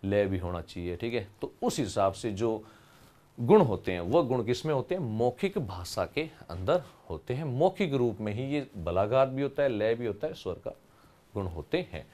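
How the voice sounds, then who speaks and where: A man's voice: mid-range voice, very animated, moderate pace, a little mellow. A man teaching an exam solution lesson with a Rajasthani accent, explaining step by step and answering his own questions.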